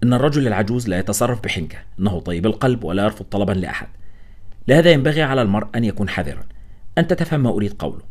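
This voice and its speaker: Meddling male supervisor, read by a man: pushy, insistent, fast-talking, animated. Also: fairly low pitch. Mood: pressing. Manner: insistent, pushy, by turns irritated and coaxing. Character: meddling older male British supervisor, controlling.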